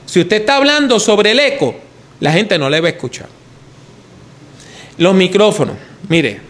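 A man's voice: high-pitched, a bit bright. A man giving a conversational lesson on how to preach, demonstrating points with his own voice. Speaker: preaching teacher. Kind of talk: instructional talk on preaching.

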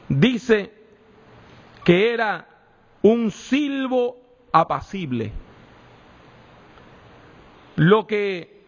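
A man preaching a sermon with slow, emphatic delivery and repeated refrains. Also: sits high. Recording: echoey hall, dull lo-fi sound.

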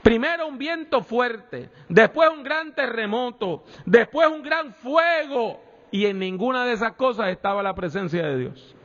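A man preaching a sermon with slow, emphatic delivery and repeated refrains. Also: very high-pitched, lively intonation, a bit bright. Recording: echoey hall, dull lo-fi sound.

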